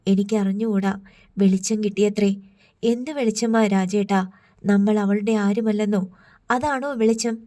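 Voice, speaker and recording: A woman's voice: medium pitch, fairly even intonation, normal speed, mellow, lightly acted. A woman voicing a worried middle-aged mother who scolds her daughter with a shaking voice. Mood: hurt, subdued. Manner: scolding, voice trembling with hurt.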